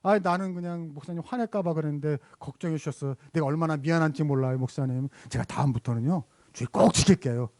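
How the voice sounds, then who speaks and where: A man telling a story voices a humble male church deacon who speaks softly and apologetically. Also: fairly high pitch, fast, hardly any pauses, no echo, close to an everyday voice. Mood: apologetic.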